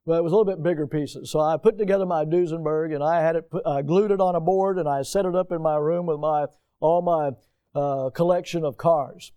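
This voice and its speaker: A middle-aged male pastor preaching, reading scripture in a raised, measured voice, then telling folksy stories and asking the congregation questions. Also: a little high, fairly even intonation, mellow, clear, resonant tone. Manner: folksy, storytelling asides.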